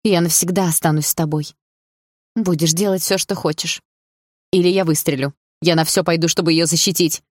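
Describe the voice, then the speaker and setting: A woman's voice: fairly low pitch, steady tone, slow, darkish tone, slightly rough, no echo, studio quality, heavily acted. A woman reading an audiobook, voicing a desperate adult mother who pleads through tears. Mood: firm. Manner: pleading, tearful.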